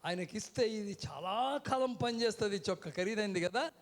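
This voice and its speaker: A guest preacher with a high-sitting voice speaks briskly. He delivers his sermon from the church stage, repeatedly calling "hello" to the congregation and having them repeat words back to him.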